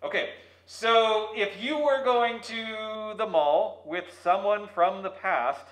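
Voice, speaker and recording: Through a megaphone in an echoey room, a man who is host and museum staff runs a playful, jokey interview. His voice is high-pitched and fairly bright, and he speaks at a slow pace.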